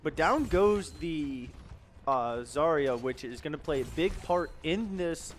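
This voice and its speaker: A young man gives casual color commentary on an esports match, breaking down the stats. His voice sits a little high. A faint hiss runs under the recording. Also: animated, slow. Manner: casual and analytical. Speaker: esports caster.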